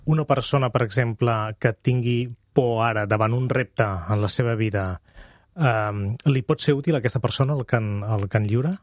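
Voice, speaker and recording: A man hosting an interview, asking measured, formal questions with a light joking touch. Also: mid-range voice, no echo, studio quality. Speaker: radio interviewer.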